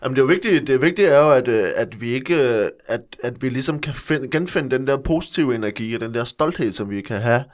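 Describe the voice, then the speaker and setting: A man in his thirties playing an earnest male workshop leader who preaches crude national pride, hesitant and full of fillers, for a deadpan comedy interview. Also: medium pitch, hardly any pauses, lightly acted. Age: 30s. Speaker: guest.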